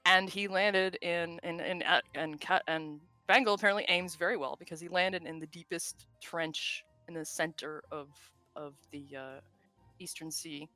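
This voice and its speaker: A podcast co-host with a bright, forceful tone, chatting loosely about game lore. The delivery rambles, breaks into frequent laughter and drops the odd swear word, with faint music underneath. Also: mid-range voice, fairly even intonation, normal speed. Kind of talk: casual lore chat.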